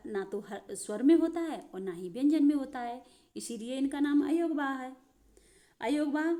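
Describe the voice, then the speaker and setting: A woman's voice: on the high side, warm tone. A woman teaching a grammar lesson, explaining step by step and addressing viewers as friends.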